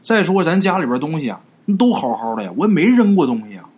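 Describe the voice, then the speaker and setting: Man playing a worried village guy with a bad leg, husky and earnest, voice swings up and down. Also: on the high side, very animated, fast talker, a little mellow, pitched above the performer's own voice. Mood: pleading.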